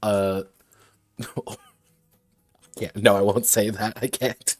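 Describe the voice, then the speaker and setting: A man's voice: lowish voice, little pitch movement, takes it slowly, no room sound. A man who designs games, chatting casually on a livestream at his desk, wandering between asides and restarting his sentences. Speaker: game designer streaming a workshop.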